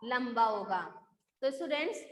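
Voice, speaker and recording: A woman's voice: on the high side, animated, moderate pace. A woman Hindi teacher giving a classroom lesson, asking each question and answering it herself, calling her students beta. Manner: addresses students fondly as beta. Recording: echoey room with long reverb.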